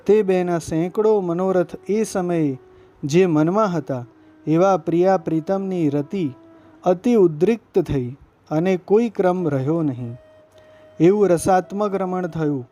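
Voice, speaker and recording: A man reading a devotional scripture text aloud as narrator, in a gentle, steady recited delivery. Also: high-pitched, measured pace, lo-fi sound.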